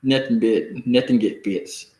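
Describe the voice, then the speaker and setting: With a deep Southern drawl, an American man reads and remarks on the news in a halting, folksy, colloquial manner. His tone is mellow, and the room sounds echoey.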